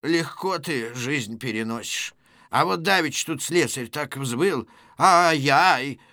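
A man reading a play aloud, voicing an old wanderer who talks in a gentle, folksy way. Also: on the high side, slow, dry recording, clean studio sound, exaggerated voice. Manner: soft, folksy.

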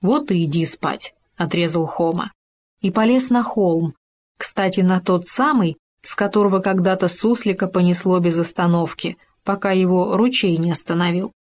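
A woman's voice: on the low side, normal speed, a little mellow. Woman reading a storybook aloud. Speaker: narrator.

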